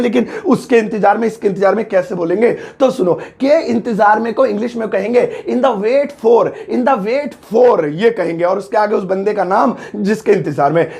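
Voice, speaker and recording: A man with an Indian accent teaching English vocabulary in a playful, joking way and slowing right down for English phrases. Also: high-pitched, creaky, darkish tone. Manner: playful, jokey teaching with small laughs and slow, drawn-out English phrases. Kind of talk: Hindi-language English vocabulary lesson.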